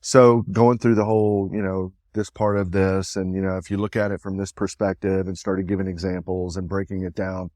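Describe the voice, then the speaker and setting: A man's voice: sits low, little pitch movement, moderate pace, few pauses, a little mellow, no echo, studio quality. A middle-aged man co-hosting a casual podcast, telling a meandering personal anecdote. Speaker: co-host.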